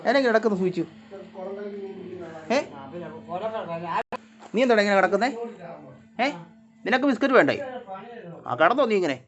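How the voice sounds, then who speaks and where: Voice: mid-range voice, lively intonation, moderate pace, pauses often. A vlogger chatting to their cats in a coaxing, teasing voice, recorded with dull lo-fi sound. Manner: coaxing, teasing sing-song talk to animals. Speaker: pet vlogger. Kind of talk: casual talk to pet cats.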